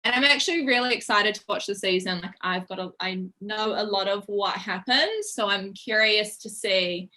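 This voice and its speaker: Bright-voiced New Zealand woman. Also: mid-range voice, normal speed, few pauses, rough recording. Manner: chatty, laughs often, leans on "like". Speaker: podcast guest. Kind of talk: casual interview chat.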